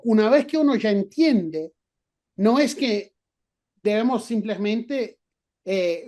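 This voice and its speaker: A high-pitched, darkish male voice belongs to a middle-aged professor being interviewed as a guest. Not from Argentina but speaking with an Argentine Spanish accent, he reasons aloud, restarting often and leaning on fillers.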